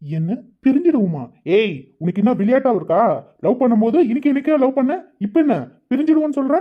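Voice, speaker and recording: A woman's voice: medium pitch, animated, normal speed, narrow, tinny audio, natural voice. A woman voicing a young man who pleads with and scolds his girlfriend in a cartoon. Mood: angry. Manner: pleading, then sharp and threatening. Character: young man, pleading and hot-tempered lover.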